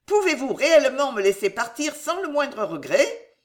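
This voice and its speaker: A woman voicing an excitable, fawning young gentleman who pleads theatrically. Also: high-pitched, moderate pace.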